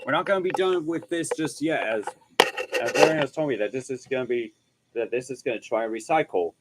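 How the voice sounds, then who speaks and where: A man's voice: mid-range voice, heavy background noise. Guy doing live storm coverage, radio-style updates, keeps restarting and repeating himself. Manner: halting, repeats and restarts phrases. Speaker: amateur severe weather livestream host.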